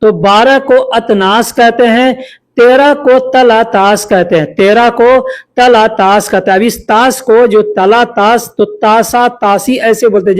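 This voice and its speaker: A man with a fairly high voice gives a language lesson, patient and steady. He says each line twice so the learner can follow along. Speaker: language teacher.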